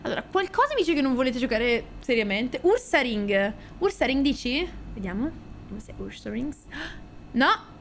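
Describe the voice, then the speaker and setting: A young adult woman with an Italian accent, chatting casually on a stream, excitable, swearing often and shrieking when she gets excited. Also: high voice, moderate pace, slight background noise. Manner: excitable, squeals and shouts at pulls, swears often. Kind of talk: casual card-opening stream chat.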